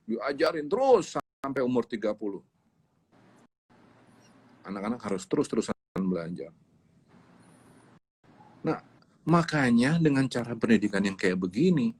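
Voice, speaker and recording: A man's voice: on the high side, darkish tone, slightly rough. A man preaching in a livestreamed sermon, speaking emphatically and repeating his key words. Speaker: pastor.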